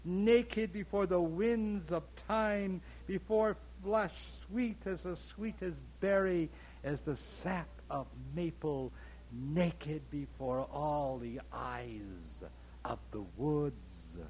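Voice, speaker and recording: A grandiose, lusty colonial landowner holds forth in a poem, as a man reads him aloud. The delivery is very slow and declaiming, with words swelling to sudden loudness. The voice sits a little high, with a faint hum behind it. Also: low-quality recording. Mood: rapturous. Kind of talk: dramatic monologue poetry reading.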